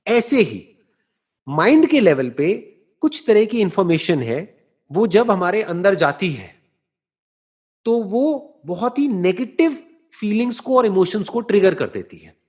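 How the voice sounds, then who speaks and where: A man giving a slow, deliberate motivational talk, often checking in with rhetorical questions and slipping into English phrases. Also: high-pitched, very animated, a little mellow. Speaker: motivational speaker. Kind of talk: explanatory talk answering a listener.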